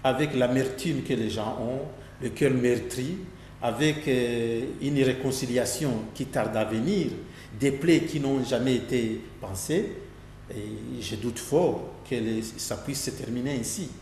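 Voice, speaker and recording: A man from Rwanda speaks in an earnest, deliberate way, weighing his words and often restarting them. His voice sits at an ordinary pitch. The recording has a long, roomy reverb and a faint hum underneath. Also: darkish tone. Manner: deliberate, with frequent restarts and pauses. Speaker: interviewee, Rwandan political voice. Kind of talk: earnest political interview.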